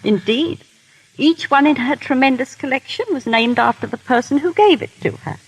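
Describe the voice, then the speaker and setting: A former royal dresser, appearing as guest technical advisor, shares polished, formal stories in a staged 1930s radio interview. She speaks at a moderate pace with a high, husky voice. The audio, typical of a vintage broadcast, is poor.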